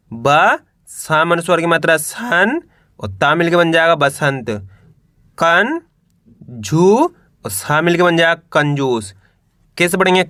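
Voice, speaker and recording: A man's voice: high voice, sharp tone, dry recording, studio quality. A man teaching a reading lesson, sounding out words syllable by syllable and quizzing the viewer.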